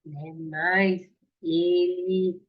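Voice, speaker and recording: A Brazilian woman giving an informal Bible story lesson to children, explaining simply in halting phrases with questions to her young listeners. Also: on the low side, level tone. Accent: Brazilian Portuguese. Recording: dull lo-fi sound.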